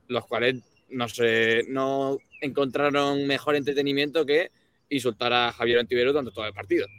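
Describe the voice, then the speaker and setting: A man's voice: medium pitch, a bit bright. A man from Spain giving a sports radio report, explaining at length with fillers.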